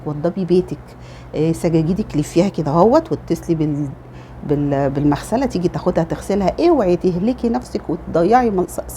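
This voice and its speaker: A woman's voice: on the low side, dark tone, slight background noise. A middle-aged Egyptian woman with an Egyptian Arabic accent, giving casual motherly advice in a chatty home vlog. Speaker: lifestyle vlogger.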